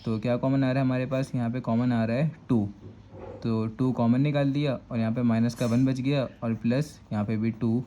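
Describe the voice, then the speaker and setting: A man's voice: medium pitch, steady tone, moderate pace, dark tone, a little hiss or hum. Patient Karachi Urdu man teaching math. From Pakistan. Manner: patient, repeats "thik hai" to check understanding. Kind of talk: step-by-step math lesson.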